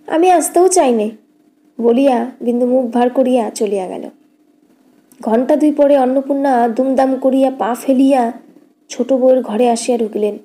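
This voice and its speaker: A woman audiobook narrator reading a classic novel in a steady, measured way. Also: sits high.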